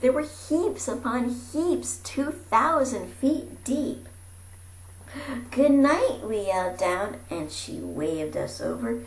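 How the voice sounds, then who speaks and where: In an unhurried read-aloud of a rhyming picture book, a female reader performs theatrically and with great expressiveness, alternating breathy whispers with calling out. The amateur recording sounds roomy, with echo and faint background noise.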